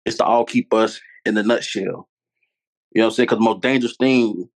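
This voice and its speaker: Rough recording quality carries a lowish male voice at a moderate pace. The speaker, a podcast guest in his 20s from Louisiana, US, tells candid conversational stories earnestly and repeats points to drive them home.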